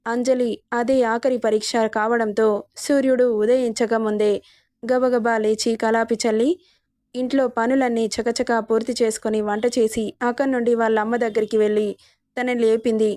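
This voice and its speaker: A woman narrating a dramatic story in a steady, even reading voice. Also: a little high, normal speed, dry recording, studio quality.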